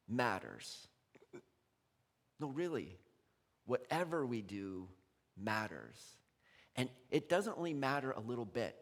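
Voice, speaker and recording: A male pastor giving a sermon in a conversational, animated way, laughing often. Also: on the high side. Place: church sanctuary. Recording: long reverb in a large hall.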